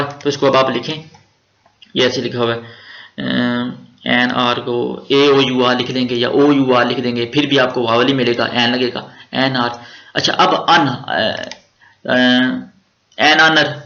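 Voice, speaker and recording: Pakistani tutor, man, gravelly bright voice, repeats and spells words, dull echoey room recording. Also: medium pitch, steady tone, unhurried. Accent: Pakistani Urdu. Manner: casual, jokey teaching with slang. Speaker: grammar teacher. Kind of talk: exam-prep grammar lecture.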